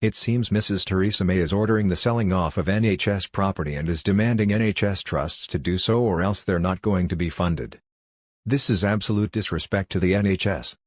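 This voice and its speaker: Deep-voiced indignant man narrating. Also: fairly quick, no echo, clean studio sound. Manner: indignant, campaigning delivery. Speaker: channel narrator. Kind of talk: scripted commentary voice-over.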